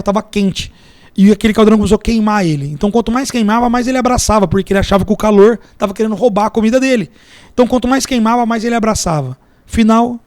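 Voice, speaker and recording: This podcast guest, a Brazilian entrepreneur and mentor, speaks in a high, darkish voice with a Brazilian Portuguese accent. Casual and conversational, he shares anecdotes and parables and acts out the quotes. The recording is dry.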